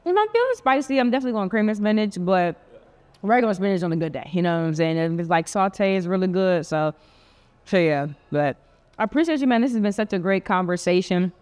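A young woman hosts a relaxed conversation over dinner, bubbly and full of slang. She talks in an upbeat, chatty way, at a middle pitch for a woman. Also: fast. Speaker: host. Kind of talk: casual interview chat. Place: indoors at a dinner table.

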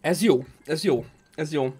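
High-voiced, animated male game streamer. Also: breathy edge. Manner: animated, jokey, reads and thanks donations. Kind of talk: casual live-stream chat.

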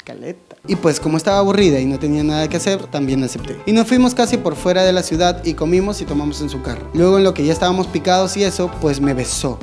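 A young man reads out love stories in a high, bright voice. He acts out the quotes and throws in mocking asides. Faint music plays underneath. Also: fast talker, hardly any pauses. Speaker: comedy storyteller host. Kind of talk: comic reading of listener stories.

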